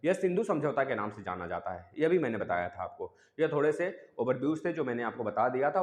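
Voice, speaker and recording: A man giving an exam-prep geography lecture, repeating key terms and quizzing the students as he goes. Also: mid-range voice. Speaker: teacher. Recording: echoey room with long reverb.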